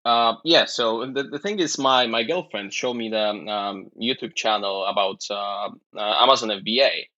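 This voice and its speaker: Brief: Polish man in his 30s, low voice, dull remote-call sound, halting and laughing. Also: sharp tone, no echo. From Poland. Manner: halting, laughs often, repeats words. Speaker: guest, online seller. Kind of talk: casual interview chat.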